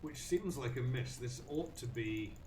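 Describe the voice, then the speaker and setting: A man's voice: mid-range voice, expressive, a little slow, a little mellow, echoey room, distant mic, a little hiss or hum. A man hosting a live stream, thinking aloud about a game with many ums and restarts. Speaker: host.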